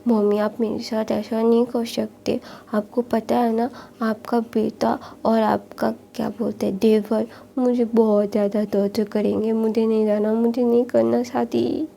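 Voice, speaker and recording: A spoiled young man whines and pleads his way through every line, as a woman puts him on while retelling a story. The voice sits a little high and keeps a narrow, flat pitch contour. It has a gravelly, mellow texture. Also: a little slow. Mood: complaining. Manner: whining, pleading complaints.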